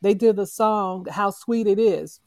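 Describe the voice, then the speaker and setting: A woman's voice: mid-range voice, a little slow, darkish tone, no echo. A woman speaking as a panel guest in a casual online audio room, making her case earnestly and growing impassioned. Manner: earnest, building into impassioned argument.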